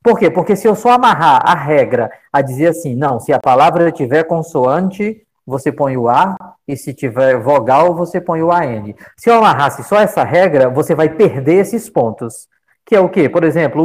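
Over an online video call, a teacher with a Brazilian accent works through an English grammar point and patiently repeats the examples. The voice is mid-range with a darkish tone, and the audio is poor.

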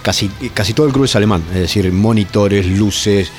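A man's voice: on the low side, a little fast, soft background music. A man with a Rioplatense Spanish accent, a touring metal musician chatting as an interview guest, rambling through stories with restarts and tag questions. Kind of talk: casual interview chat.

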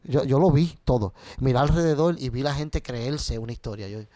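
Middle-aged man, interview guest, lively bilingual storytelling, frequent swearing, dry sound. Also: mid-range voice, a little fast, no room sound. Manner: switches between Spanish and English, swears freely, animated storytelling. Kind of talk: casual interview chat.

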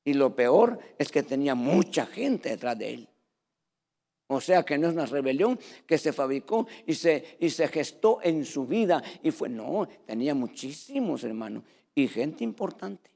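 Gravelly-voiced man preaching a sermon. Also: a little high, a little slow. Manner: addresses listeners as "hermano", lively preaching.

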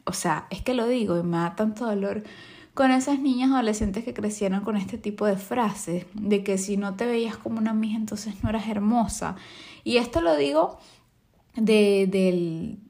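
A woman's voice: mid-range voice, moderate pace, warm tone. A young adult woman with a Venezuelan Spanish accent talks casually as the host of her own podcast. Her delivery is conversational, full of small fillers and tag questions. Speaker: podcast host, makeup artist.

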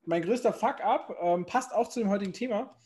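A man's voice: sits high, fairly quick, darkish tone. A man chatting casually on a podcast, rambling with lots of fillers and restarts. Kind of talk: casual chat.

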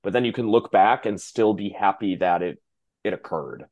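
A man in his thirties co-hosting a podcast, chatting in a relaxed way with short agreeing replies. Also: lowish voice, normal speed. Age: 30s. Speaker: guest co-host. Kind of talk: casual podcast chat.

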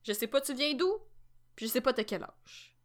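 A woman's voice: sits high, normal speed. A woman with a Québécois accent co-hosting a casual podcast, playful and full of food metaphors. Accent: Québécois French. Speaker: podcast co-host. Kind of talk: casual chat.

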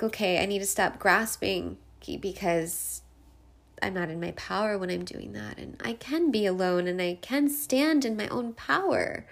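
A woman host speaking openly and heartfelt about grief and healing, often laughing softly between thoughts. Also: medium pitch, vocal fry. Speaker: podcast host. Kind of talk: emotional personal monologue.

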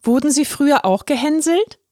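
A woman doing a high shy straw boy. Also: lively intonation, normal speed, mellow, dry recording, clean studio sound. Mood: timid. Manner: timid, earnest. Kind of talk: storybook reading.

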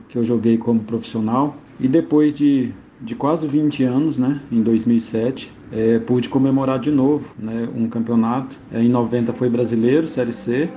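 A middle-aged Brazilian man reminiscing in an interview, halting and repeating phrases, on a muffled recording with some noise. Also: mid-range voice, warm tone. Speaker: retired footballer. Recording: muffled, faint background noise.

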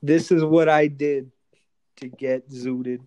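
A man's voice: on the high side, fairly even intonation, takes it slowly, warm tone, highs cut off. Young man, frat-bro slang, heavy swearing, casual storytelling, hyped. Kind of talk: casual chat, telling stories.

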